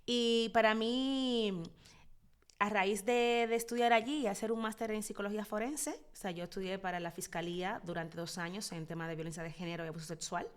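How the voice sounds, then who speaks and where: A Dominican woman in her thirties, a psychologist guest telling her life story in an interview, expressive and reflective, pausing often as she thinks. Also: mid-range voice, clear, resonant tone. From Dominican Republic. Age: 30s. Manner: expressive, reflective, with frequent hesitations.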